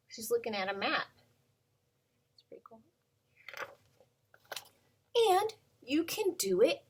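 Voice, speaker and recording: This thirty-something preschool teacher's voice is a little high and husky as she reads a picture book to the children, gently and in a sing-song manner, often saying um.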